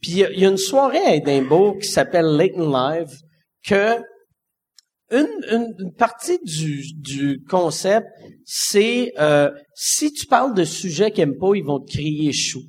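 A man in his forties with a Québécois accent, a stand-up comedian telling a story in casual talk, swearing freely and dropping low for punchlines. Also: lively intonation, a little slow, a little mellow. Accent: Québécois French. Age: 40s.

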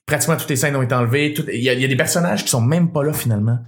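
On a podcast, a comedian guest from Quebec tells a story very fast in a medium-pitched voice with a Québécois French accent. He is an animated storyteller who swears a lot.

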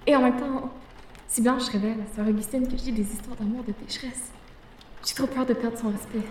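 Lightly acted, a woman voices a prim, pious teenage boarding-school girl in an audio drama, stammering and pleading with self-righteous fervor. She speaks fairly quickly in a slightly high, darkish voice with fairly even intonation. There's a little hiss or hum, and the sound is roomy from a distant mic.

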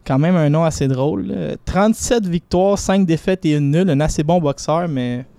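A man's voice: fairly high pitch, moderate pace, gravelly, warm tone, smooth, dry recording. A man with a Quebec French accent, counting down a list on a radio segment in a playful, chatty way. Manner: playful, chatty, stretches out names. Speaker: boxing segment contributor.

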